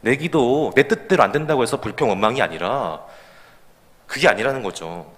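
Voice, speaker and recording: A man preaching a sermon at a midweek prayer service, animated, calling out hallelujah and laughing at his own stories. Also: medium pitch, normal speed, in a large hall. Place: church sanctuary.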